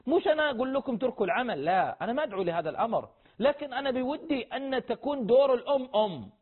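A man's voice: extremely high pitch, big pitch swings, rapid-fire. A man gives earnest family advice as a radio show host, speaking straight to the listeners. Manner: earnest, exhortative, addresses listeners directly. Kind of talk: preaching-style family advice talk. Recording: husky voice over a tinny phone-like line.

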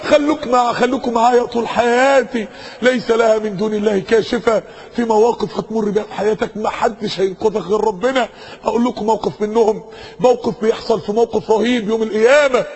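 Male Egyptian preacher, quick and impassioned, with a raspy high voice that climbs to cries. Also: fairly even intonation, darkish tone, highs cut off. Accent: Egyptian Arabic. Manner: impassioned, builds to cries and slows for quotations. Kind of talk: sermon.

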